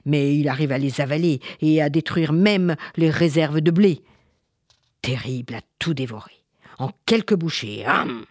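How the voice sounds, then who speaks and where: A woman's voice: deep voice, no room sound, studio quality. A woman storyteller narrating a tale for young listeners in a playful way. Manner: animated, playful.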